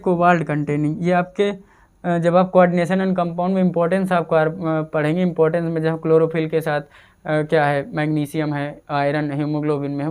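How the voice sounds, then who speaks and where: A chemistry teacher with a fairly high, slightly mellow and smooth voice gives a casual exam-prep lecture. He drills terms through repetition and poses questions that he then answers himself.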